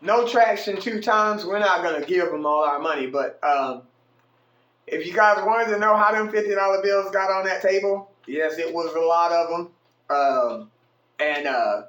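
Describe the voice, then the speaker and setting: A man telling a casual story about his own night out, animated and slangy, swearing freely. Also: high voice. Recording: echoey room.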